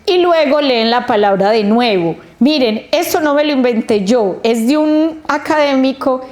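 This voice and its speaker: A woman teaching a literacy training workshop, explaining slowly and stretching out the sounds of words. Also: high voice, animated, darkish tone. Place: training room.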